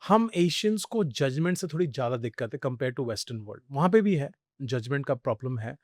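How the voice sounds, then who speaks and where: Mixing Hindi with frequent English phrases, a middle-aged man from India tells lively stories as a conversational podcast guest. His voice is medium-pitched at a normal speed. The recording is studio quality with no room sound.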